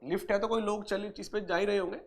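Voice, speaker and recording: A man's voice: high-pitched, fairly even intonation, fast talker. Repetitive, question-asking male lecture teacher. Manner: repeats questions and answers them himself, calls students dear and brother; mixes English technical terms into Hindi speech. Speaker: engineering exam-prep teacher. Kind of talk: online lecture.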